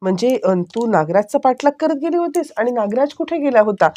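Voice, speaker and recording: A woman's voice: on the high side, big pitch swings, a little fast, dark tone, pitched above the performer's own voice. Woman doing worried man, pressing questions, raised voice, story recap. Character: worried middle-aged man questioning his relative.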